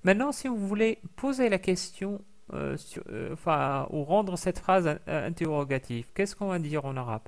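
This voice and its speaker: A man teaching a lesson in French, explaining slowly with many fillers and restarts and carefully sounding out each letter. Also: on the high side, lively intonation, creaky. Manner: carefully over-articulates sounds being taught. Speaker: Arabic teacher. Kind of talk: recorded language lesson.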